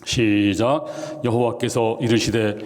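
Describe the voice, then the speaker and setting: A man's voice: fairly low pitch, steady tone, slow pace. Preaching man in a reverberant church. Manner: dramatic, acts out dialogue with rising shouts. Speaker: pastor. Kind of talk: sermon. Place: church sanctuary.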